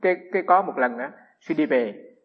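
A man, a Buddhist monk giving a humorous storytelling sermon with lively anecdotes and frequent restarts. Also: medium pitch, a little fast, slightly rough. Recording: echoey hall, dull lo-fi sound.

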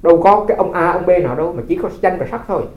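A Buddhist monk giving a dharma talk, telling stories and asking rhetorical questions. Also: male voice, sits high, lively intonation, racing. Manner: conversational storytelling with rhetorical questions. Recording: roomy, slightly dull recording.

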